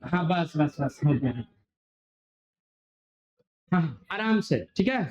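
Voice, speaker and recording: A male physics teacher lecturing a classroom, firing quick questions and waiting for students to answer. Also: a little high, lively intonation, a little mellow. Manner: quizzing students, call-and-response. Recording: dull lo-fi recording.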